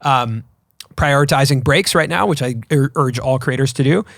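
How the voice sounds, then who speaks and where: A man's voice: mid-range voice, normal speed, gravelly, dry recording, studio quality. A man in his thirties co-hosting a podcast, chatting casually with lots of fillers and likes. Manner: relaxed, conversational, frequent fillers. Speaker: podcast co-host. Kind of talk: casual chat.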